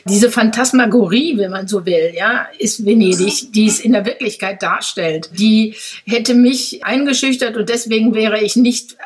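A woman's voice: a little high, moderate pace, slightly rough. A woman in her fifties from the Ruhr area, answering interview questions in a reflective, meandering way with many filler phrases. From Ruhr area, Germany. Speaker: interview guest.

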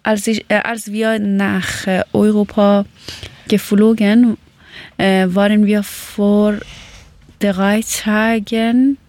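A woman's voice: medium pitch, darkish tone, no room sound. A woman from Iran hosting a casual talk, speaking hesitantly in a learned language and often searching for words.

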